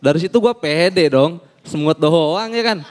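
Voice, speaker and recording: Animated high-voiced young comedian. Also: male voice, measured pace, clear, resonant tone. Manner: animated storytelling, acting out characters in shifting voices. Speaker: stand-up comedian. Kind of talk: stand-up comedy set.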